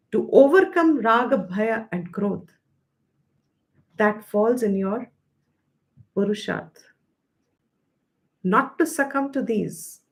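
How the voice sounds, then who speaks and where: An Indian woman leads a scripture study class in a voice pitched a little above usual. She explains patiently, slowing down to weigh each key term. Hindi phrases slip naturally into her English. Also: creaky, darkish tone. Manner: explanatory, slows to stress key terms. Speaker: Vedanta teacher.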